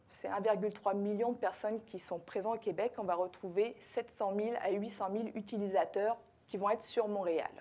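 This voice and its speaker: A social media consultant and trainer from France gives a conference talk to a live audience in a French accent. Her voice sits at medium pitch with a dark tone. She hesitates a lot, filling pauses and correcting herself repeatedly.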